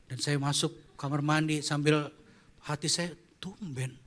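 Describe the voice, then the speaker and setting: A man's voice: a little high, level tone, unhurried, fairly bright tone. A man who is a pastor, preaching a storytelling sermon at a church service in a conversational way and asking the congregation questions.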